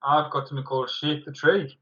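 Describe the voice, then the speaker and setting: A man talks through an idea over a beer, hedging and pausing with frequent ums. His voice is bright and forward. The recording sounds muffled and lo-fi. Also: fairly high pitch, steady tone, slight background noise. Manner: explains ideas at length with many ums and hedges. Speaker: social worker podcast co-host. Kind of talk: casual chat over beers.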